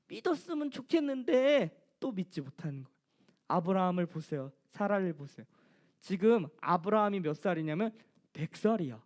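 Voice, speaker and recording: A woman pastor giving a children's sermon, telling the story with questions to the children. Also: mid-range voice.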